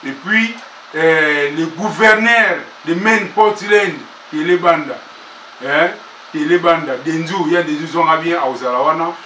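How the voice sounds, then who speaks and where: Bright-voiced man with a roomy sound. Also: a little high, normal speed. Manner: rambling, listing names. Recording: roomy, slightly distant sound with faint noise.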